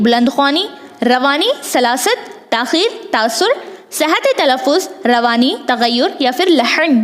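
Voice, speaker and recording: High-voiced woman teaching in an echoey hall. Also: a bit bright. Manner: explains terms by repeating them in Urdu and English. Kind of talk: exam question walkthrough lesson. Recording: long hall reverb.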